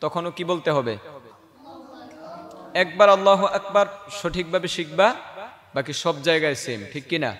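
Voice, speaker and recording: Guy teaching kids recitation, high bright voice, slow and coaxing, lots of hall echo. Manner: questioning, coaxing, models slow drawn-out recitation. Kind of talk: teaching prayer recitation to children.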